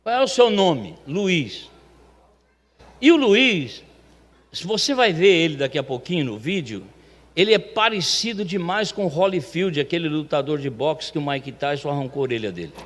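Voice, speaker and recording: A man telling a testimony from a church pulpit in a chatty, animated way, acting out the voices of the people in his story. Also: a little high, fairly quick. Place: church sanctuary. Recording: long reverb of a church hall.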